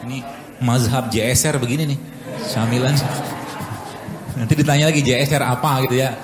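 A man's voice: mid-range voice, fairly even intonation, brisk, over a noisy crowd. A man, a doctor, giving a chatty, joking live health talk with a cooking demo to an audience in a large hall. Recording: echoey hall with room noise.

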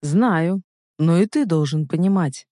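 Илья: a man playing a quiet, stern protective brother. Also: unhurried, no room sound, studio quality, lightly acted. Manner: low, quiet, hard.

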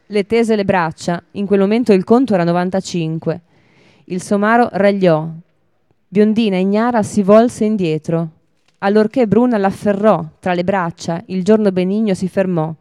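A woman reading a fairy tale aloud on a radio broadcast, in a steady, measured storybook manner. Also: medium pitch, clear, resonant tone, no room sound, clean studio sound.

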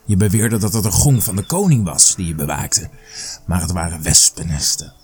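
A man's voice: on the low side, animated, measured pace, soft background music. A man voicing a greedy, hot-tempered male tiger who threatens and bosses, in a storybook reading. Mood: threatening. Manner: threatening and bossy.

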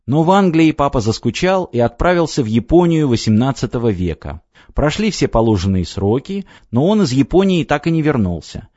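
A man narrating an audiobook in an expressive reading style. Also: medium pitch, a little fast, dry recording. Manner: expressive, voices the characters. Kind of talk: scripted narration. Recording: dry, slightly dull audiobook recording.

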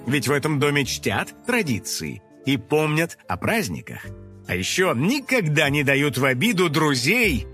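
A man narrating a children's audio story in an animated, scripted style. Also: a little high, a little slow, soft background music.

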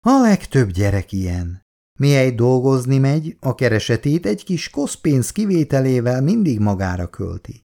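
A man voicing a worried, sighing middle-aged mother who frets over her grown children, raising his gravelly voice higher. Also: sing-song, warm tone, exaggerated voice. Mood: fretful. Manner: fretful, sighing.

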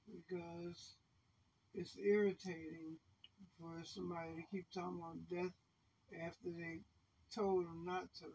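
A mother answering her son in casual conversation, giving short, quiet replies. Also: on the low side, level tone, measured pace, long pauses, a little hiss or hum, poor audio. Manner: terse, soft-spoken short answers.

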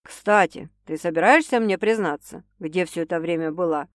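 A woman reading an audiobook, voicing a teasing, domineering young man who speaks slowly and wryly. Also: no echo, close to an everyday voice. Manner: slow, low and wry. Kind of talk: audiobook character voice.

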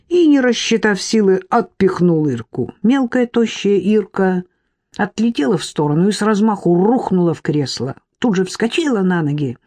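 A woman calmly narrating a novel as an audiobook, in a measured reading voice. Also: medium pitch, dry recording.

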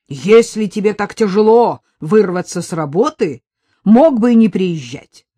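Reader voicing a heated, shouting wife. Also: medium pitch, expressive, measured pace, no echo, clean studio sound, pitched above the performer's own voice. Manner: shouting, agitated. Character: wife, amateur sleuth, heated and defensive. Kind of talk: audiobook character voice.

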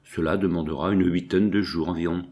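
A clumsy old sea captain, embarrassed but patiently explaining things. A man reads him in a low, plain voice. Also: steady tone, a little fast, darkish tone, natural voice. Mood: sheepish.

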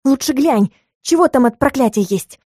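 A woman's voice: high voice, lively intonation, moderate pace, dark tone, husky, dry recording, clean studio sound, pitched above the performer's own voice. A woman voicing a short-tempered young witch fortune-teller in an audiobook, giving snappy, growled commands. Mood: irritated.

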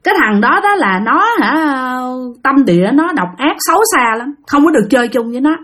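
A woman's voice: high voice, expressive, moderate pace. A woman voicing a stern old grandmother warning her grandson. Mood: scolding. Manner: sharp scolding.

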